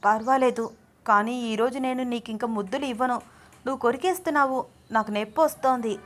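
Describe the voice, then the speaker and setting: A woman's voice: brisk, natural voice. Woman voicing a fiery young wife. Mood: angry. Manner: scolding, shrill when annoyed. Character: young wife, shy but fiery when angry. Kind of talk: storybook reading.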